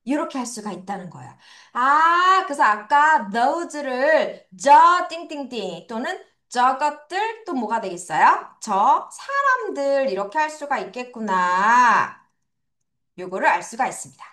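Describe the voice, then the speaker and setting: In an echoing academy classroom or studio, a woman drills children on English vocabulary pronunciation with playful sound words. Her voice is on the high side, a bit bright, and sing-song, and she takes her time.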